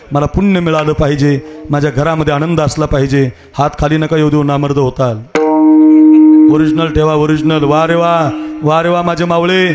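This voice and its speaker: A man preaching a devotional kirtan sermon in a crowded festival pandal, rousing and commanding the crowd, with call-and-response. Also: a little high.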